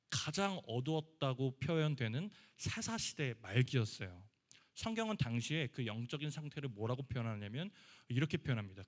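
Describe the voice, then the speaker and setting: A young man giving a conversational sermon to a youth congregation in a church hall. He speaks casually and acts out the quoted lines of people in the story. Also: medium pitch. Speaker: youth pastor.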